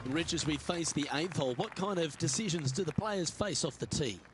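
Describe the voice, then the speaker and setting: An actor playing a golf commentator in a video game, calling play in short, measured remarks. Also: male voice, a little high, animated, over music, natural voice. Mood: composed, admiring. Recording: clear outdoor background noise.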